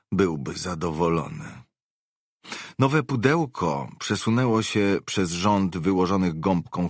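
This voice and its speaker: Deep-voiced male audiobook narrator. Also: no echo, studio quality. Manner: measured, calm, deliberate.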